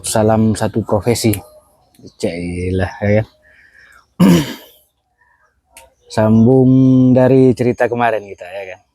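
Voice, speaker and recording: Goat farmer man, casual outdoor vlog, mellow dark voice, dry close sound, chatty and relaxed. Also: on the low side, slow pace, pauses often, no echo. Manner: relaxed and chatty, keeps tagging phrases with "Lur" and "ya kan".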